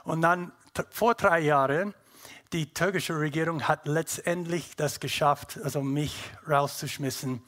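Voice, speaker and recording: A man's voice: fairly high pitch, a little slow, fairly bright tone. A middle-aged man from North America, a native English speaker with an English-speaking North American accent in German, gives a personal testimony to an audience, searching for words as he goes.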